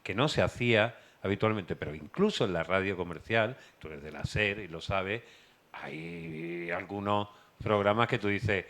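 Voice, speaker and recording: Low-voiced male radio host. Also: normal speed, fairly bright tone. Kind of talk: casual radio interview.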